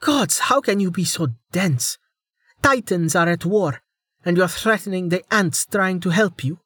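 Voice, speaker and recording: A man doing a blunt young adventurer woman from a storybook, raised well above his own pitch. She is sharp and impatient, heard dry and close. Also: lively intonation, moderate pace, no room sound. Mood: heated.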